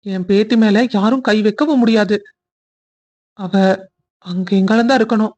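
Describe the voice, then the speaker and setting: A woman's voice: medium pitch, normal speed, a little mellow, natural voice. A woman voicing an anxious, protective old grandfather in a cartoon story, speaking in a reassuring way. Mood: worried.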